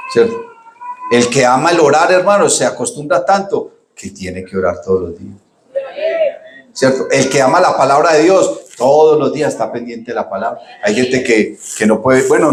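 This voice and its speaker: A man's voice: on the low side, echoey room, slight background noise. A middle-aged man preaching a sermon, talking to the congregation in a casual, chatty way and calling them brother. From Colombia. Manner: conversational preaching, addresses congregation as "hermano". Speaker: pastor.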